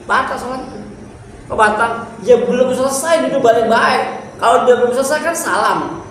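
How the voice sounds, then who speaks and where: A man's voice: very high-pitched, normal speed. A male religious teacher teaching a study lesson in a neighborhood prayer hall, explaining a text line by line and talking to the congregation. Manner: explains a text line by line, acts out examples, talks to the congregation as "Pak". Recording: echoey room with faint background hiss.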